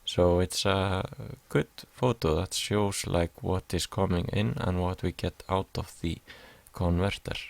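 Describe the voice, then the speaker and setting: A man's voice: low voice, unhurried, gravelly, hardly any pauses, no echo. A young man from Iceland, hesitantly explaining a class assignment over slides, with many fillers. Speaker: music production student.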